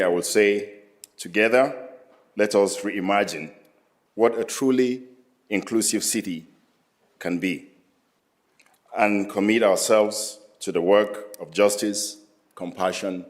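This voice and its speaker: A man delivering a formal, measured prepared speech as a commission chair at a council meeting. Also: on the low side. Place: council chamber.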